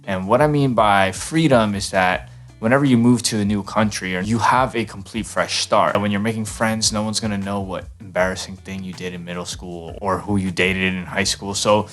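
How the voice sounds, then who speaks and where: A young man from New York talking casually to camera in a relaxed, chatty way, with fillers and restarts. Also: on the low side, moderate pace, soft background music. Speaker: vlogger.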